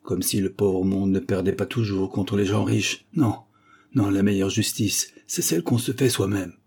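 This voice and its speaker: A man voicing a menacing masked male avenger, hoarse, hissing and imperious as he makes his threats. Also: lowish voice, moderate pace, a little mellow. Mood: scornful.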